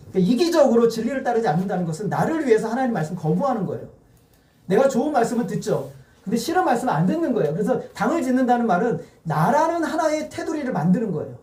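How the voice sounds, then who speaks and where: A male pastor preaching a sermon in a church sanctuary, animated and firing rhetorical questions at the congregation. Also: high-pitched. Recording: echoey church hall.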